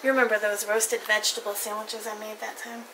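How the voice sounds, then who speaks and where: A woman's voice: medium pitch, flat delivery, fairly quick. A woman hosting a casual cooking video at home, a mother who teases playfully and laughs often while she works. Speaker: cooking vlog host and mother. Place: home kitchen. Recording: noisy home kitchen recording.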